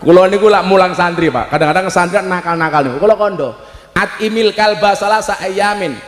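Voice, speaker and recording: A man with a Javanese accent preaching a humorous live sermon, joking and breaking into loud, emphatic shouts. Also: high voice. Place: large hall at a live religious gathering. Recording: echoey hall with long reverb.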